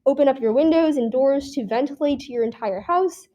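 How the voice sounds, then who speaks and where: A teenage girl with a high but mellow voice reads through a student presentation. She keeps it even and matter-of-fact, with a dry aside here and there. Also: normal speed, lo-fi sound. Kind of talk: reading a scripted class presentation.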